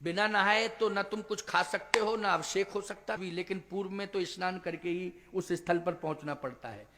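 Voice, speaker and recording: A man voicing a tender, gently firm older queen mother who speaks softly and with affection. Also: sits high, moderate pace, in a large hall, background noise, lightly acted.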